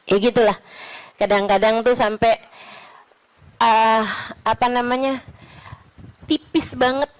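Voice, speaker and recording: A woman religious teacher delivering a casual, conversational sermon. Her voice sits high and light, and she often trails into soft, drawn-out prayers. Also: fairly even intonation, clean tone, low-quality recording.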